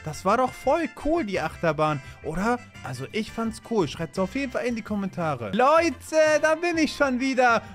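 A man doing excited, playful gameplay commentary for his viewers, teasing his friends. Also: very high voice, moderate pace, hardly any pauses, soft background music. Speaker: gaming YouTuber.

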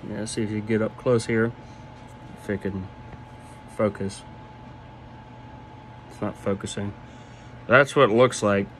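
A man in his twenties giving a casual, halting, laid-back product review while talking with a lip full of dip. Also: fairly low pitch, fairly even intonation, a bit bright, slight background noise. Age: 20s. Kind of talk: casual vlog review, off the cuff. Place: small room indoors. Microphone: phone at arm's length.

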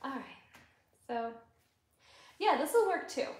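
A woman's voice: high voice, expressive. A woman in her thirties with an Upper Midwest American accent, chatting casually and giggling as she hosts a livestream, recorded in a small salon room on a camera a few feet off. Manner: chatty, giggly, slow-paced show-and-tell. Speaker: livestream host. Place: small salon room with barber chairs, indoors. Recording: echoey room with faint noise.

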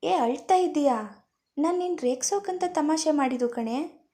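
A woman's voice: a little high, steady tone, unhurried, warm tone. A woman voicing a playful young newlywed husband who teases and coaxes his wife, in a storybook reading. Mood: worried. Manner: teasing, coaxing.

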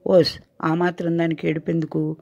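A woman's voice: sits low, flat delivery, moderate pace, gravelly, mellow, no room sound. A woman voicing a chummy, offhand frog from a folk tale. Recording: dull lo-fi recording.

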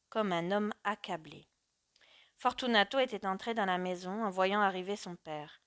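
A woman narrating a classic story in a measured, dramatic reading. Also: mid-range voice, no room sound, clean studio sound. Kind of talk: audiobook narration.

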